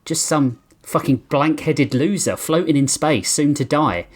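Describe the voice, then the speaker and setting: A man reading his own crude comic story aloud for a podcast, deadpan with bursts of laughter at his own jokes. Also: fairly high pitch, measured pace.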